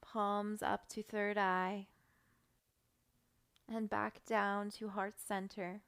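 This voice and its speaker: A woman guiding a meditation in a soft, soothing voice, giving calm, gentle instructions with long pauses. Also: mid-range voice, clean tone. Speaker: meditation guide. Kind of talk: guided meditation.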